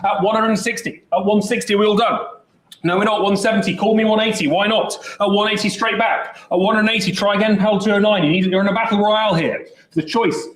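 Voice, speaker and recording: A man calls bids in a high, lively voice, keeping up a brisk, joking patter. He sounds like a working auctioneer at a live sale. The recording is roomy, with clear echo from the saleroom. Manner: brisk, chatty bid-calling with jokes.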